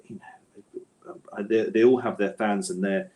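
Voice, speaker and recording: Speaking at normal speed in a mellow, lowish voice with a steady tone, a man chats as the author guest in an informal literary interview. He is hesitant and digressive, feeling out his thoughts with considered wording and frequent tag questions.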